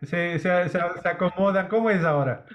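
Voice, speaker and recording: A man with a notably high voice hosts a casual podcast interview. He asks his questions in a loose, chatty way, restarting phrases as he goes. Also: moderate pace, a bit bright, muffled recording. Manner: asks questions with many restarts, laughs easily. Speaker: podcast host.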